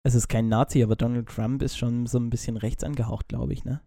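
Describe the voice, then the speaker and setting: A man's voice: medium pitch, steady tone, a little fast, gravelly, warm tone, dry recording, studio quality. A man co-hosting a casual podcast, reading out news and chatting, with frequent stumbles and restarts. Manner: chatty, jumps between topics, stumbles and restarts. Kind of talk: casual chat.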